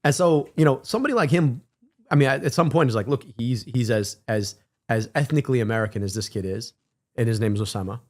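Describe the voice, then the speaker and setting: Quick-talking guy from michigan riffing on a clip, animated, keeps repeating himself when he gets fired up. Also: medium pitch. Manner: animated, emphatic, repeats words when excited. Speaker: stream co-host reacting to clips. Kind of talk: casual reaction commentary.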